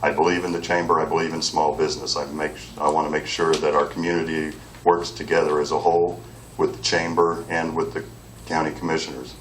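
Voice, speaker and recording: A man's voice: extremely low pitch, little pitch movement, a little fast. A man in his forties giving an earnest campaign speech as a political candidate, with frequent fillers. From Clearwater, Florida. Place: meeting room. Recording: distant mic with faint background noise.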